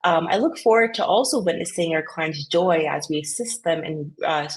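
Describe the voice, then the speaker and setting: Low-voiced woman from Canada, earnest guest. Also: normal speed, low-quality recording. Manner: earnest, with frequent fillers. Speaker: podcast guest, business co-founder. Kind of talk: casual interview chat.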